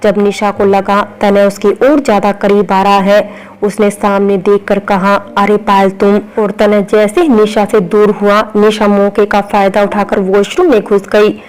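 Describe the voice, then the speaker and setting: A woman reading a romantic story aloud as scripted narration, in a flat, even manner. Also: medium pitch, unhurried, low-quality recording.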